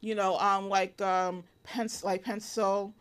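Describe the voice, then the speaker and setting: A woman's voice: medium pitch, little pitch movement, takes it slowly, smooth. A woman in her thirties from Connecticut, talking casually as an interview guest, with many fillers and restarts. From Connecticut, USA. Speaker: interview guest, illustrator and cartoonist.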